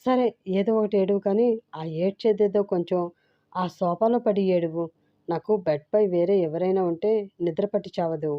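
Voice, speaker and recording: A woman's voice: medium pitch, moderate pace, no room sound, close to an everyday voice. A woman voicing an irritable young husband who snaps and scolds, in a dull, dry recording. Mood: angry. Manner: gruff, scolding.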